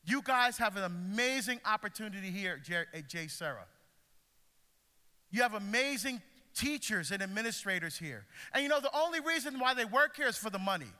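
A middle-aged man from Barbados, a deacon, preaching with animated, emphatic energy to a school audience. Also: high voice, normal speed. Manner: animated, emphatic, moves around the stage. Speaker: deacon speaker. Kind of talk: passionate preaching talk. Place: large school pavilion, indoors. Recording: long hall reverb.

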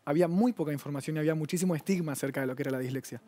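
A young man in his twenties with a Rioplatense accent, speaking as a guest on a TV talk show. He talks quickly and earnestly, in a slightly high but dark, mellow voice. Faint music plays behind him. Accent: Rioplatense Spanish. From Argentina. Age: 20s. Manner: earnest, rapid, reflective. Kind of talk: personal account on a TV talk show.

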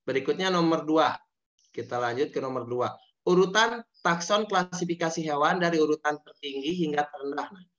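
A male teacher from Indonesia, his voice a little high with a fairly bright tone, runs an online science lesson. He drills key terms repeatedly and keeps questioning his students, over dull, lo-fi video-call audio.

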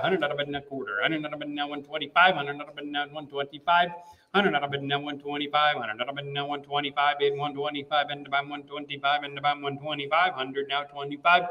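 A middle-aged American auctioneer calls bids in a repetitive, rhythmic chant full of filler phrases, his voice fairly high and sharp. He's in a large indoor auction room, picked up from a distance with a roomy sound.

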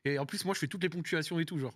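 Fast-talking man explaining. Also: fairly high pitch, a bit bright, dry recording. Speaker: guest. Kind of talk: casual group chat.

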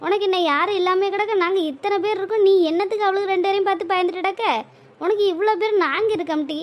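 Super high cartoon voice, bossy village auntie. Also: female voice, quick pace, muffled recording. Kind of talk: cartoon voice acting.

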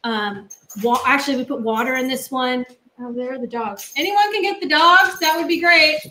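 Rambling and saying um often, the guest cook, a middle-aged woman, cooks in her home kitchen during a casual demo chat on a video call. Her high-pitched voice sounds sharp, at a moderate pace. Through the laptop webcam the room is echoey and the recording low-quality.

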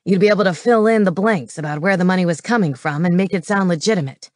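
A man's voice: sits high, fast, no echo, studio quality, lightly acted. A woman voicing a cold, scornful older male werewolf villain in an audiobook. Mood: scheming. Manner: sneering, cold. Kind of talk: audiobook character voice.

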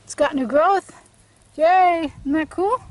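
A woman's voice: very high voice, slow. A middle-aged woman with a congested throat, chatting casually as she films a walk through her sunny garden, thinking aloud with fillers and restarts. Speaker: homestead gardening vlogger. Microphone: handheld camera at arm's length.

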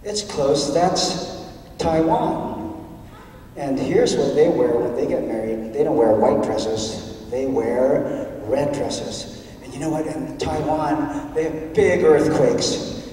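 A man's voice: a little high, expressive, takes it slowly, warm tone, slight background noise. A man giving a children's story in church, asking the kids questions as he talks. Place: large church sanctuary. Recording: echoey church hall from far off.

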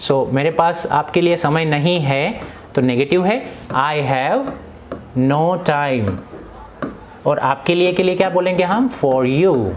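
A young man teaching an English grammar lesson in Hindi. He often asks the class questions and repeats each example sentence slowly. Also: a little high, slight background noise.

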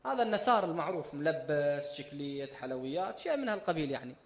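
An Iraqi man preaching a mourning sermon in a high, carrying voice. He drops to a hush, then surges loud again. His voice rings through a reverberant hall with long echo tails. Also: sing-song, fast. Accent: Iraqi Arabic. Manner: impassioned, swinging between hushed and loud.

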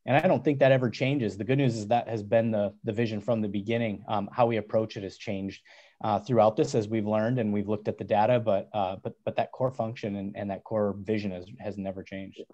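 A man's voice: fairly low pitch, fairly even intonation, fairly quick, dark tone, muffled recording. A man in his thirties, a startup cofounder, talking in a video call interview from a small office over a headset, with many restarts and fillers.

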